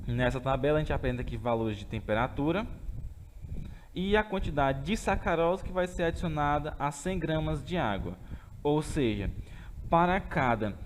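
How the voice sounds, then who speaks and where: Man, Brazilian Portuguese accent, chemistry teacher, step-by-step explaining, fairly high voice, long room echo. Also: a little mellow, a little hiss or hum. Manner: explains step by step, keeps asking "tá certo?". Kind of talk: remote classroom lesson.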